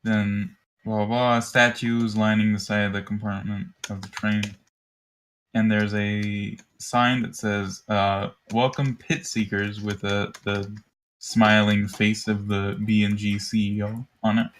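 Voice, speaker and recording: Male game master, lowish voice, rambling narration, faint background hiss. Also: flat delivery, a little slow, a bit bright. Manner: loose, rambling narration with many fillers. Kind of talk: narrating a tabletop game over voice chat.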